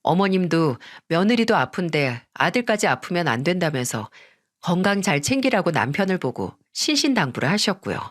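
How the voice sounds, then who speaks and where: A woman narrating a first-person radio-style story in scripted, expressive narration. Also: fairly low pitch, moderate pace.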